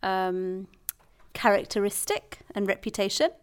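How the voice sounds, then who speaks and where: A woman's voice: medium pitch, measured pace, clean tone. A young British woman in casual conversation, chatty and playful, often restarting her sentences. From Britain. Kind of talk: casual chat.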